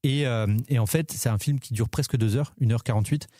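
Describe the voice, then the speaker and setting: Warm-voiced man, eager film chat. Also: medium pitch, brisk, dry recording, studio quality. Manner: enthusiastic, many fillers and restarts. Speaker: podcast co-host. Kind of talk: casual film podcast chat.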